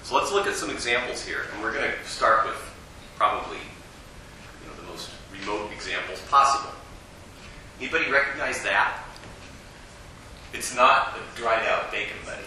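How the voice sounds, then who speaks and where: A man giving a casual, joking classroom lecture at a fast clip, recorded in a lecture hall. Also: lowish voice, sharp tone, slight background noise. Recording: echoey hall, distant mic.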